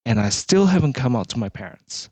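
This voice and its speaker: A man's voice: mid-range voice, big pitch swings, fairly quick, warm tone, breathy edge, no echo. Reflective man in his forties. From Malaysia. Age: 40s. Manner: earnest and reflective, with many restarts. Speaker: guest. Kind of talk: casual interview talk.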